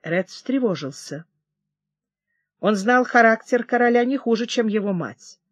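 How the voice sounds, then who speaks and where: An audiobook narrator reading a historical novel in a measured, dramatic way. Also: medium pitch, lively intonation, dry recording.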